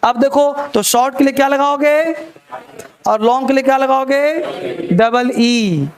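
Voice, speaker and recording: A man's voice: very high-pitched, a little slow. A man teaching a spelling lesson to a class, repeating key words and quizzing his students. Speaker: English teacher.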